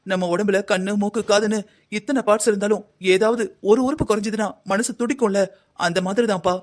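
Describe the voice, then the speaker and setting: Fretful cartoon mom, voiced by a man: high, rushed, lecturing. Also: fairly even intonation, natural voice. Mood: worried. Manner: earnest, lecturing. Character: worried middle-aged mother, talkative and fretful. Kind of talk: Tamil cartoon drama voicing.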